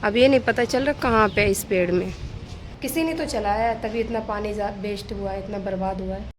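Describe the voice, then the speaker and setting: Woman vlogger, hushed casual chat, mid-pitched, phone-recorded while walking around the house. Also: brisk, over music. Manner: hushed, low-volume talk so as not to wake a sleeper. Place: at home and up on an unfinished rooftop.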